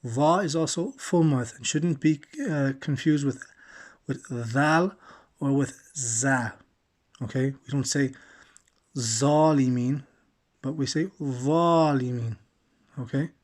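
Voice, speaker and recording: A man teaching the pronunciation of Arabic letters, modelling each sound slowly and checking in with "okay?" as he goes. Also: medium pitch. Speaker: Quran recitation teacher. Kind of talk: slow, patient pronunciation lesson.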